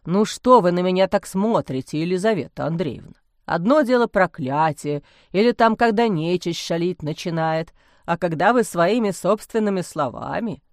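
A woman voicing a stern bearded village priest, a weary middle-aged man who grumbles slowly and gravely. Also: on the low side, lively intonation, a little mellow, no room sound, clean studio sound. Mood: grumbling. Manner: gruff grumbling, slow and grave.

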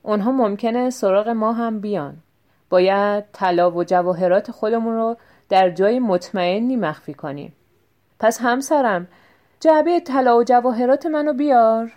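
A woman voicing a clever, scheming husband who speaks loudly on purpose so that hidden listeners can hear him. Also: a little high, highs cut off, lightly acted. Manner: loud and emphatic, staging talk for eavesdroppers. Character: clever scheming husband, middle-aged man.

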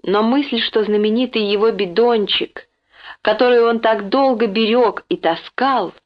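A woman narrating an audiobook in a steady, expressive reading voice. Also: a little high, measured pace. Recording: dull lo-fi recording.

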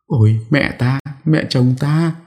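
A man's voice: lowish voice, moderate pace, creaky, mellow, pitched above the performer's own voice. A man voicing a frightened older woman in an audiobook story, speaking in a tremulous, pleading way. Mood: dazed.

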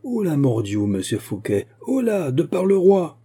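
A man voicing a fierce, desperate musketeer captain in an audiobook, shouting his lines with passion. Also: fairly low pitch, normal speed, husky. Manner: shouting, impassioned. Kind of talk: audiobook character voice.

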